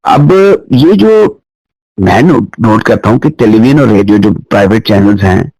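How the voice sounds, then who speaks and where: A man's voice: lowish voice, lively intonation, normal speed, darkish tone, no echo, poor audio. A man from Pakistan hosting a radio sports program, interviewing a guest politely and formally. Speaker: radio sports show host.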